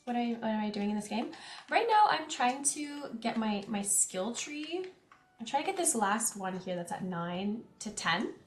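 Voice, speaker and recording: A woman's voice: a little high, very animated, moderate pace, roomy sound, faint music behind. A young woman from Canada with a central Canadian accent, chatting casually with her viewers while playing a farming game. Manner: chatty, reads chat aloud, giggly asides. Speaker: streamer. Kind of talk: casual gameplay chat.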